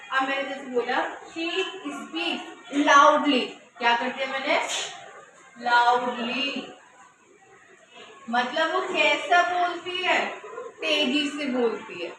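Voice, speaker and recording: High-voiced woman teaching grammar in an echoey room. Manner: repeats questions and answers them herself. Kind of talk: classroom grammar lesson. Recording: echoey room from far off with noise.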